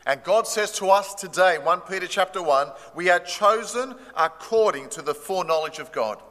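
A man, preaching a sermon in short measured phrases that pause for an interpreter. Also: high-pitched, animated, sharp tone. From Australia. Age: 60s. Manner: measured, pausing for translation. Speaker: pastor. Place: church hall. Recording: long reverb of a church hall.

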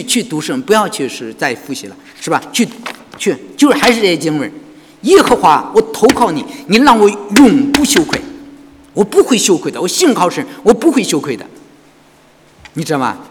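A man delivers a sermon in a church hall, his voice high and swinging widely in pitch. His tone is a little husky, and the long reverb of the hall trails after every phrase. He keeps turning to the congregation with rhetorical questions. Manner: animated preaching with frequent rhetorical questions to the congregation. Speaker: pastor.

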